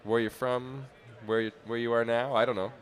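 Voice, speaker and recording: A man's voice: mid-range voice, flat delivery, brisk. Wry man interviewing. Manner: wry, self-mocking banter. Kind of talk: casual trade-show interview. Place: trade show floor.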